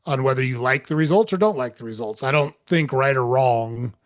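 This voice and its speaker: A man's voice: medium pitch, a little fast, no echo, studio quality. A man who is a guest on an interview, explaining his outlook in an earnest, coaching way. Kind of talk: reflective interview talk.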